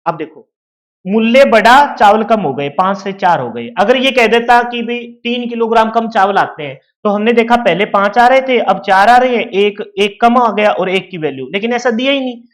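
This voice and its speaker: A man's voice: high voice, normal speed. Haryanvi-tinged man teaching exam maths. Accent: Haryanvi-tinged Hindi. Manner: explains with everyday shop scenarios, asks students questions. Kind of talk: exam-prep maths lesson.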